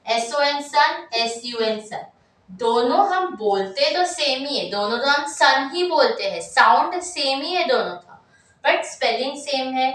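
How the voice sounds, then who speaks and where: A young woman teaching an exam-focused English grammar lesson in a lively, chatty way, full of asides and repeated checks. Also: high-pitched. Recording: roomy, mic set at a distance.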